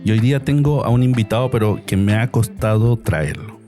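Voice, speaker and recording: A man hosting a podcast, talking in a relaxed, friendly way. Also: on the low side, a little fast, soft background music. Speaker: podcast host, surgeon. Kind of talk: casual interview chat.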